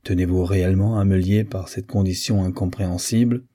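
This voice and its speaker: A man's voice: low voice, fairly even intonation, brisk, dark tone. A man reading a resigned, ironic young nephew. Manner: restrained, polite and ironic. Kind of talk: audiobook character reading.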